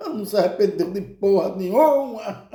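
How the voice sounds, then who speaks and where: A Brazilian man with a Brazilian Portuguese accent, telling a comic story and chuckling often as he fills his pauses with "né". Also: high voice, animated, mellow, echoey room.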